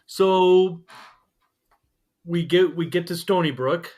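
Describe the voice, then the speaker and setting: A man's voice: sits high, a little mellow. A man hosting a podcast interview, talking casually with frequent restarts and fillers. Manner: halting, many restarts and fillers. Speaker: podcast host.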